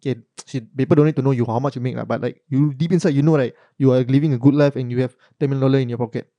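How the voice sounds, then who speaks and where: Young man, Singaporean accent, Singlish slang with lah and sia, quick pace, mellow tone, casual chat. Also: mid-range voice, fairly even intonation, dry recording, muffled recording.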